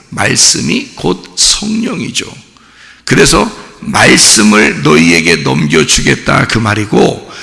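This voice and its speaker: Male pastor, gravelly and bright-toned, lively swings in pitch, fervent sermon delivery, reverberant church hall. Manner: fervent preaching, rising to shouts, asks the congregation questions. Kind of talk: early-morning sermon. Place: church sanctuary.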